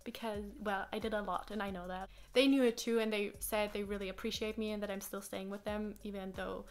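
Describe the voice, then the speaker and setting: At a medium pitch and a slightly fast pace, a young adult woman with German as her first language keeps a steady tone while chatting casually. Answering questions from the sofa in her small living room, she relies on fillers and acted-out quotes.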